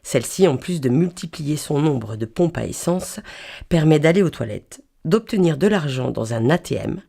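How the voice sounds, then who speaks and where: Low-voiced woman reading a wry story. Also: lively intonation, moderate pace, gravelly, dark tone, slightly rough. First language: French. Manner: wry, playful, mimes accents and sounds. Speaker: reader of a humorous column. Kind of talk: humorous first-person read chronicle.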